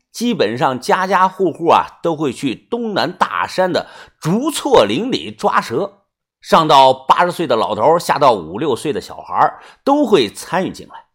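Male storyteller, husky and colloquial, rather high with a swinging delivery. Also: wildly swooping pitch, unhurried. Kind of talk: first-person audio novel narration.

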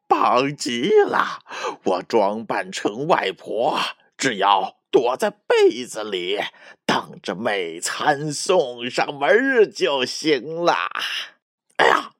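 A man voicing a sly, grumbling male big bad wolf with a gruff, muttering way of talking. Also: medium pitch, a bit bright, no echo, clean studio sound, exaggerated voice.

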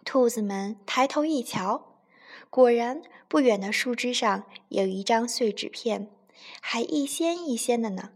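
A woman telling a children's bedtime story in a gentle, expressive way. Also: a little high, unhurried.

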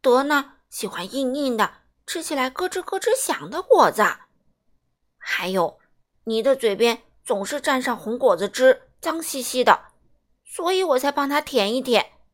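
A woman doing a gentle fatherly T. rex. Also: sits high, animated, measured pace. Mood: tender. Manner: soothing, fond.

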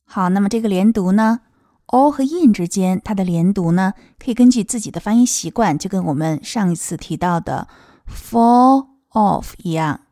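A woman teaching English pronunciation of a children's song, modeling each sound slowly and clearly. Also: mid-range voice, expressive, mellow, dry recording, studio quality. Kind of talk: explaining song lyrics and pronunciation.

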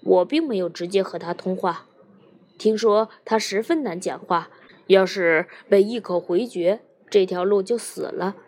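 A woman reading as a calm, brisk male psychologist. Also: high-pitched. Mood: reassuring. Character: busy, composed male radio psychologist.

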